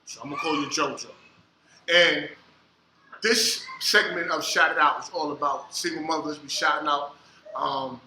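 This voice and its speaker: A man hosting a casual podcast interview, joking and bantering loudly in slang. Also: on the high side, steady tone, moderate pace, echoey room, slight background noise, low-quality recording. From United States. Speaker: podcast host.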